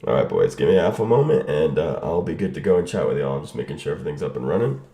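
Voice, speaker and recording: While setting up his watch party, the congested streamer greets chatters by name and chats casually, sick from a sinus infection. His very deep, mellow voice swings widely in pitch at a rapid-fire pace. Echo from unmuted stream audio is audible.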